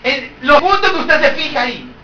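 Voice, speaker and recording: A man's voice: extremely high pitch, expressive, fairly quick, bright, forceful tone, dull audio, a little hiss or hum. A male pastor, preaching emphatically and asking his listeners rhetorical questions. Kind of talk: sermon. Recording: echoey room, voice from a distance.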